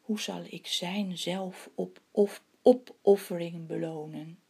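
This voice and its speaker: A woman's voice: fairly low pitch, steady tone, slow pace, creaky, dark tone, breathy edge, full character voice. Woman reading as the solemn, wise heaven.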